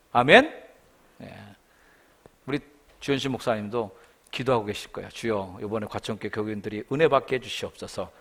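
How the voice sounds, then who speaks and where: A middle-aged man preaching a sermon in a church, his pitch leaping up and down as he tells stories. His voice sits a little high for a man, and he slips into the voices of the people he quotes. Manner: animated storytelling, acting out quoted voices. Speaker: guest revival preacher. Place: church sanctuary.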